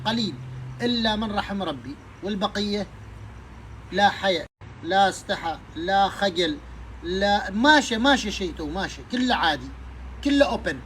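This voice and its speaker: Guy, highish voice, preachy, lecturing parents hard, faint car hum behind. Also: a bit bright, rough recording. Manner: preachy, emphatic, rhetorical questions. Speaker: social media speaker giving advice to parents. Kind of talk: impassioned advice monologue.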